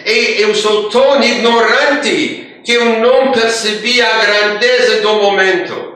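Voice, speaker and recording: Male rabbi, high bright voice, slow measured lecture, recorded in a very echoey hall with faint room noise. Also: fairly even intonation. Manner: storytelling, rising emphatic phrases then trailing off quietly. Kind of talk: religious lecture.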